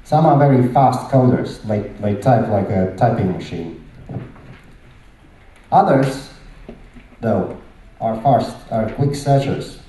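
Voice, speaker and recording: Animated yet slow, with frequent pauses, a middle-aged man from Latvia gives a conference presentation in a warm, medium-pitched voice and a Latvian accent. He relies on emphatic short phrases and rhetorical questions, speaking into a handheld microphone in a large indoor hall that's very echoey, leaving the sound distant.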